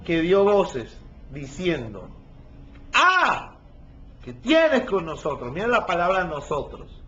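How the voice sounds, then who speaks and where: A man's voice: a little high, big pitch swings, a little slow. A male pastor teaching a Bible study verse by verse, stopping often to check that his listeners follow. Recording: dull lo-fi recording with faint ambience.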